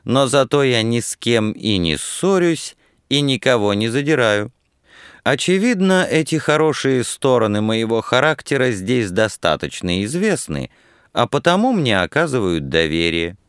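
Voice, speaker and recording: A man's voice: medium pitch, huge pitch swings, normal speed, clean tone, dry recording, clean studio sound, voice pushed up. A male reader voicing a lazy, self-assured reporter who speaks with an offhand drawl in an audiobook.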